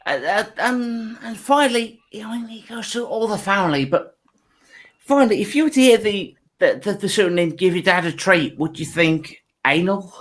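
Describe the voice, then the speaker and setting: A man's voice: high voice, lively intonation, normal speed. A man doing a stand-up comedy set, chatty and stumbling, mocking himself.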